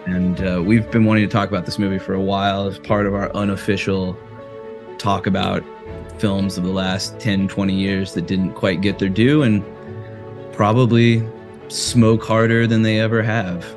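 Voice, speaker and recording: Low-voiced, jokey male podcast co-host. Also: little pitch movement, normal speed, music in the background. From American Midwest. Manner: loose, jokey, swears, laughs often. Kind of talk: casual film podcast chat.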